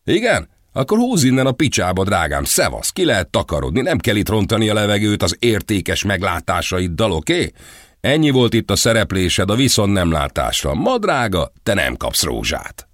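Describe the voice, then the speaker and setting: An arrogant, flamboyant fashion designer in a spoken storybook, as a male reader puts him on. He scolds and shouts in a raised, sharply swinging voice, full of disdain. The recording is dry and close. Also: lowish voice, sing-song, dry recording, pitched above the performer's own voice. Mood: scornful. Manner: scornful, irritated, shouting.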